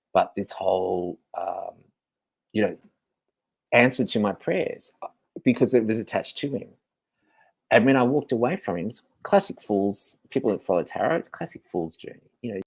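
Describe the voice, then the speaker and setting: A man's voice: fairly low pitch, gravelly, darkish tone, slightly rough, dry recording. A man hosting a show, giving a candid, rambling confessional monologue and swearing freely. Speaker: host.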